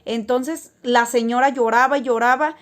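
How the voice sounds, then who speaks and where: A woman talks casually to camera, spinning stories for her viewers. Her voice sits slightly high, and she rambles along with plenty of fillers and false starts. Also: steady tone, moderate pace. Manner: rambling, frequent filler words and restarts. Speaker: spiritual vlogger.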